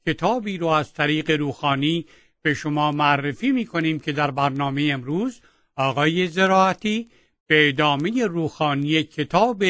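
A man's voice: on the high side, fairly bright tone, no room sound. A man hosting a radio book program, giving a formal scripted introduction. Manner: formal announcing.

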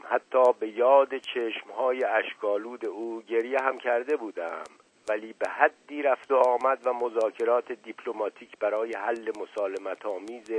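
A man narrating a novel aloud in a measured storytelling manner, dropping quietly into asides. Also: mid-range voice. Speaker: audiobook narrator. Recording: narrow phone-like sound.

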